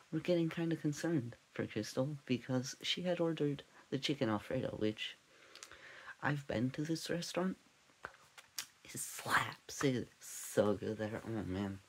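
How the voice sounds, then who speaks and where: A man hosting a parody true-crime podcast, rambling and scatterbrained, drifting off on tangents in a deadpan way. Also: mid-range voice, slight background noise, low-quality recording. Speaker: comedic podcast host.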